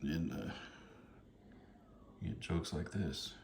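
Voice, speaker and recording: Showing off books from a collection, a vlogger in his fifties talks slowly in a deep, slightly mellow voice. He's casual with viewers, rambling and hesitant, amused and apologetic. Background noise is noticeable.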